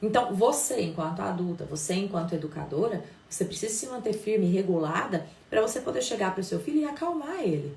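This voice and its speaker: A woman's voice: mid-range voice, expressive, fast talker, creaky, few pauses, darkish tone, recorded from a distance. A woman from Brazil, a parenting educator giving a firm, emphatic live talk to mothers, asking questions and answering them herself. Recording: echoey room, voice set back from the mic.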